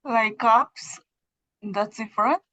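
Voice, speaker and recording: A woman's voice: a little high, takes it slowly, fairly bright tone. Hesitant woman. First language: Spanish. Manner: hesitant, repeats words after the teacher. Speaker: English student. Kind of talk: online one-on-one lesson. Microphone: video call. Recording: dull lo-fi call audio.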